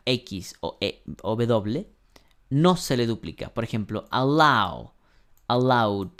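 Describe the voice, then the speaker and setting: A man teaching an online English grammar lesson, going through the rules step by step and repeating example words aloud. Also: medium pitch.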